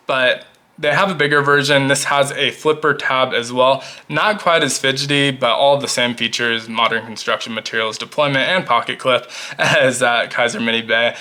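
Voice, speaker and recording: A man's voice: medium pitch, pushed and bright. A man chatting casually as he reviews his knife collection at a table, talkative and full of rambling asides. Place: at a table showing knives.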